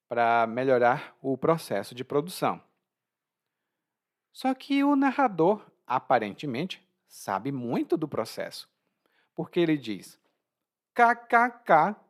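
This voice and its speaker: A man with a Brazilian accent teaching a language lesson podcast, explaining expressions slowly, repeating key phrases and checking in with a "hum?". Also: mid-range voice.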